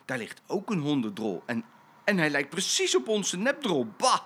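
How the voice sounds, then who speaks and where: A man's voice: a little high, huge pitch swings, normal speed, fairly bright tone, breathy edge, pitched above the performer's own voice, full character voice. An older man voicing an eager little girl in a children's story he reads aloud.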